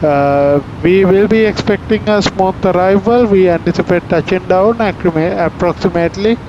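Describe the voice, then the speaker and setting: High-voiced man making a formal, halting cabin announcement. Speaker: airline captain. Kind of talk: in-flight passenger announcement. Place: aboard an airliner in flight. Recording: dull muffled audio, loud aircraft cabin rumble.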